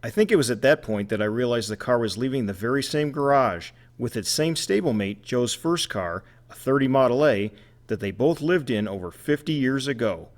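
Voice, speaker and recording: A man's voice: medium pitch, expressive, moderate pace. A man narrating his channel's trip as host, in scripted voice-over.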